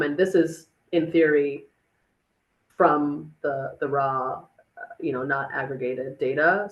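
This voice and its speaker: A woman's voice: deep voice, muffled recording. A woman answering audience questions at a tech meetup, casual and chatty with many fillers and restarts. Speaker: speaker on a city dashboard, chief of staff.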